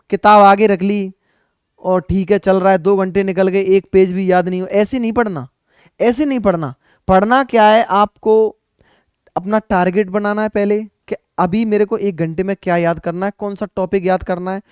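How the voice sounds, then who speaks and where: Male exam coach, earnest and repetitive, coaxing tone, crisp voice. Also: high voice, no echo, clean studio sound. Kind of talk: motivational study advice.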